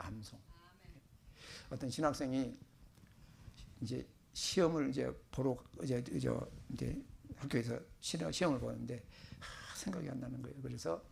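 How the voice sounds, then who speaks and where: A middle-aged man from Korea, a pastor giving a chatty sermon, joking about himself and then pressing his points with loud bursts. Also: medium pitch, gravelly, slight background noise. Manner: chatty, self-joking preacher with sudden loud emphasis. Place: church sanctuary.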